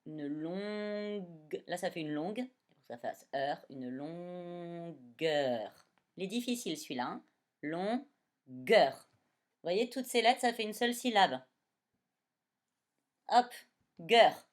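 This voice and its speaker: A woman primary school teacher gives young children a dictation lesson, sounding out the words slowly, one syllable at a time, with a lively pitch.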